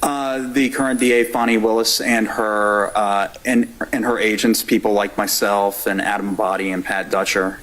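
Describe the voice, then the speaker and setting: A man's voice: on the low side, fairly even intonation, normal speed, few pauses, a bit bright. A man testifying as a witness in a courtroom, giving polite, careful, qualified answers. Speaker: witness, deputy district attorney. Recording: faintly noisy courtroom audio.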